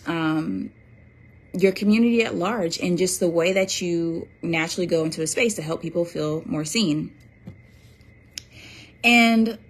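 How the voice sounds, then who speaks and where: A woman chatting casually on a livestream, reading out viewer comments with many fillers and restarts. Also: on the low side. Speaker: livestream host selling an oracle deck.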